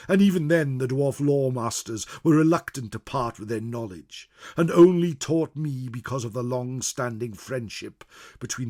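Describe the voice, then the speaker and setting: In this dramatic fantasy narration, a storyteller voices a grave, fearful old male scholar-chronicler in awe of ancient lore. His low, mellow voice is slow and husky, and the theatrical, solemn delivery rises, then sinks into whispers.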